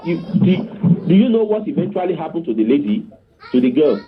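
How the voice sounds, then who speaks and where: A man with a Yoruba accent and a high-leaning, very animated voice speaks quickly as a guest giving an earnest teaching talk on parenting. Instructive in tone, he tells anecdotes and often asks the listener to confirm they're following. The recording sounds like a narrow, phone-like line.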